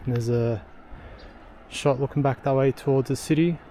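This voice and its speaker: A man's voice: medium pitch, fairly even intonation, moderate pace, dark tone, slight background noise. A young man hiking uphill while filming a casual travel vlog outdoors, short of breath, rambling with many ums and uhs. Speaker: travel vlogger. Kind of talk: casual walking vlog narration. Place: outdoors on a hillside trail. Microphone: handheld camera.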